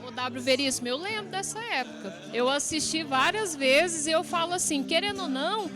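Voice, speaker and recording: A woman's voice: high-pitched, lively intonation, normal speed. A Brazilian woman hosting an interview, responding to her guest with affirming remarks. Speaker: host. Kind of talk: interview chat. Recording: music playing behind.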